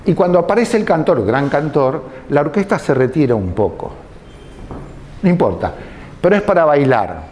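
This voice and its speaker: A man giving a lecture, explaining slowly and deliberately and posing rhetorical questions to his listeners. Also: on the high side, very animated, darkish tone, slight background noise. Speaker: tango lecturer.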